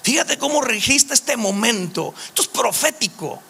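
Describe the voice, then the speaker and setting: High, gravelly man teaching scripture. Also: lively intonation, normal speed, sharp tone. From Mexico. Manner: emphatic, addresses listeners directly. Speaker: Bible study teacher. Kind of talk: Bible study teaching.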